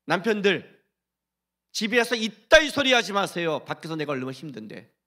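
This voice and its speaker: A middle-aged senior pastor preaches with a high, very animated voice at a moderate pace, pressing his congregation with rhetorical questions. He swings from loud exhortation to hushed asides and briefly sings a line of a hymn mid-sermon.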